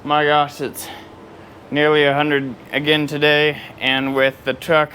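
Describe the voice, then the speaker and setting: A man's voice: fairly high pitch, completely flat delivery, a little slow, bright, forceful tone, slight background noise. A tired man vlogging outdoors beside his truck, rambling easily with lots of fillers. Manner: rambling, easygoing, with many fillers and laughs. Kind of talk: casual off-the-cuff vlog talk.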